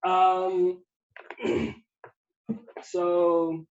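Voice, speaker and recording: A man's voice: high-pitched, monotone, drawn-out words, muffled recording, slight background noise. A man from Puerto Rico talking casually about books, rambling with many restarts and easy laughs. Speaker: guest writer.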